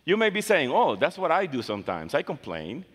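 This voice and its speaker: A man's voice: fairly high pitch, huge pitch swings, moderate pace. A man preaching a sermon, switching between languages line by line, emphatic and repeating phrases for stress. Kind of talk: bilingual sermon, English and Spanish in turn. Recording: long reverb of a large hall.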